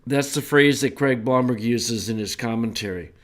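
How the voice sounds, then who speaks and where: A man teaching a Bible lesson in a relaxed, conversational way, with small asides as he explains. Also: medium pitch, moderate pace.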